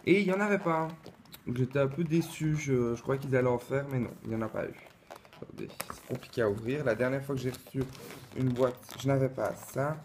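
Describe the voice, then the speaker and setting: A man's voice: mid-range voice, fairly quick, noisy background. Chatty man unboxing a collectible. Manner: chatty and hesitant, many fillers and restarts. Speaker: collector unboxing a replica wand. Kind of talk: casual unboxing vlog. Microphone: camera mic, close-up.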